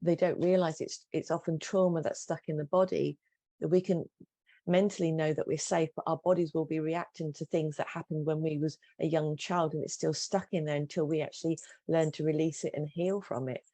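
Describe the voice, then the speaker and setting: A middle-aged woman recounts her life story as a guest coach on an interview show. Her voice is mellow and unhurried in its earnestness, with frequent restarts. The recording is dry, with little room sound. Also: deep voice, fairly even intonation, dry recording.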